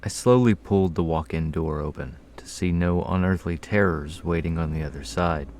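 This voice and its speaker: Deep-voiced man narrating a horror story. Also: normal speed, a little mellow, a little hiss or hum.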